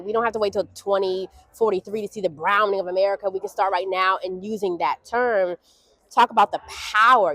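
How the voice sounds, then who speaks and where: A woman in her forties interviewing a guest at an event, expressive and enthusiastic, often affirming him aloud. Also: medium pitch, dry recording. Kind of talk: interview at a festival. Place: indoor event press backdrop.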